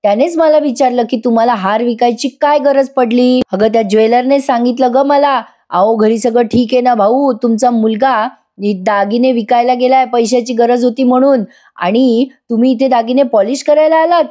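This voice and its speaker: A woman voicing an angry, stern father who shouts and accuses his son. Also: a little high, normal speed, voice pushed up, natural voice. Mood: angry scolding.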